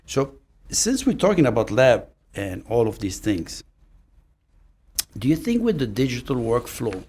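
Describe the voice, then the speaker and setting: A man hosting a casual podcast interview, talking haltingly and often repeating or restarting words. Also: medium pitch, very animated, darkish tone, husky. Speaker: podcast host.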